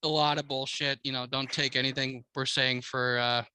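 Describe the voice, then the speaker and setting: Bright, frat-bro American man. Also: medium pitch, level tone, moderate pace, smooth. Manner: frat-bro slangy, swearing. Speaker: car podcast co-host. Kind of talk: casual podcast chat.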